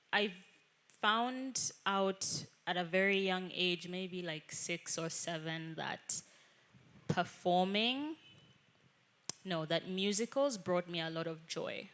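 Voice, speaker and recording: Bright-voiced young actress. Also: female voice, lowish voice, takes it slowly, pauses often, smooth. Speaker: actress and guest. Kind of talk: conversational interview.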